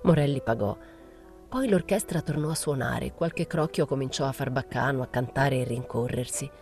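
A woman reading a novel aloud in a measured first-person narration. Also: rumbling low, creaky, darkish tone, soft background music. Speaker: reader.

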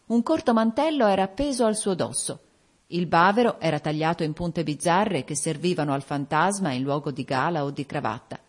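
A woman narrating an audiobook of a classic ghost story in a measured, literary way. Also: fairly low pitch, darkish tone.

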